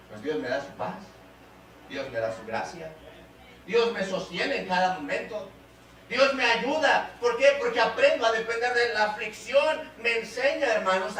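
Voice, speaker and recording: A man with a Mexican Spanish accent preaching a sermon as a guest pastor, swinging between loud appeals and soft, low passages. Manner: preaching with big swings in pitch and loudness, dropping low and soft in prayer. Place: church hall. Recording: echoey church hall, voice from a distance, faint hum.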